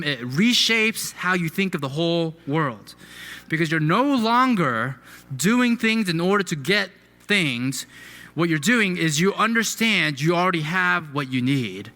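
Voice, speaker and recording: A fairly high, bright and forceful male voice preaching a sermon in a church sanctuary. He teaches conversationally, asking rhetorical questions and slipping in fillers. The voice rings with a long reverb from the hall. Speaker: pastor.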